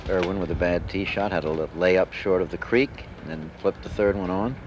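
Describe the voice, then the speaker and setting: A man with a fairly low voice calls golf in a measured, descriptive play-by-play style. The sound is a dull old TV broadcast with clear background noise from outdoors. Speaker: golf commentator. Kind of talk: live golf play-by-play commentary. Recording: dull, noisy vintage TV broadcast.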